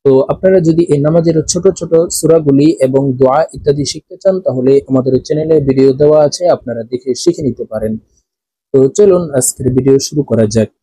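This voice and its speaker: A man with a Bangladeshi Bengali accent teaching Quran recitation, slowly and patiently, breaking each word apart and repeating phrases. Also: fairly high pitch, dark tone, dry recording. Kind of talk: slow, patient teaching with drawn-out chanted recitation.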